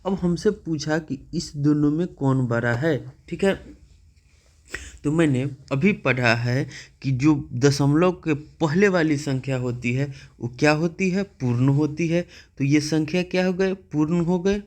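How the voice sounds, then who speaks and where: A man's voice: a little high, measured pace, darkish tone. A man teaching a math lesson, patiently asking questions and checking in with "okay" often.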